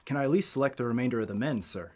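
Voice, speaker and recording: A man playing a husky, eager young lieutenant. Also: mid-range voice, very fast, darkish tone, natural voice. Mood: indignant. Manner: clipped, protesting, formal "sir". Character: eager, indignant young male cavalry lieutenant. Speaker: army lieutenant. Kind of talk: western film acting.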